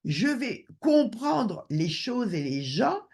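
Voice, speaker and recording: A man's voice: sits high, very animated, slow, vocal fry, a little mellow. A man giving an online lecture over a video call, hesitant with many filler sounds.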